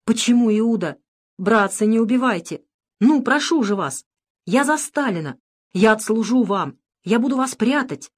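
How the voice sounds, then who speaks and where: A woman's voice: a little high, expressive, normal speed. A woman reading the part of a terrified village priest pleading for his life, in a panicked, begging manner.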